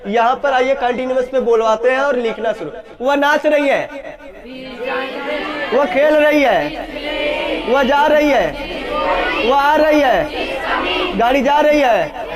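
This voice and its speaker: Male teacher, slow, drilling phrases in a busy classroom. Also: very high-pitched, a crowd in the background, background noise. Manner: drills phrases aloud, asks class often. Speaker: English teacher. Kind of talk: classroom lesson.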